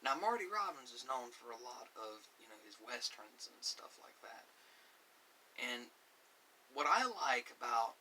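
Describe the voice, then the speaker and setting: Recorded on a distant mic with hiss, this ASMR channel host speaks in a mid-range, sharp-toned voice. His music talk is informal and rambling, full of musings, opinions and frequent side tangents.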